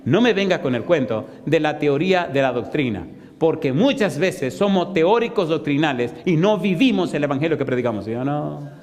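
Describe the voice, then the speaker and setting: A man's voice: fairly high pitch, expressive, moderate pace, a little mellow. A man preaching a sermon as a pastor, asking the congregation questions and acting out the voices in a story. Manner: asks the congregation questions, acts out dialogue. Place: church. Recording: long church hall reverb.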